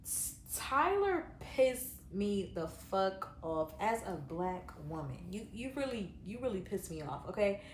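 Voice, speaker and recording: A woman's voice: medium pitch, big pitch swings, unhurried, few pauses, roomy sound, a little hiss or hum. A woman giving a casual reaction review of a reality show, talking bluntly with lots of fillers and some swearing. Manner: rambling, filler-heavy, blunt and profane.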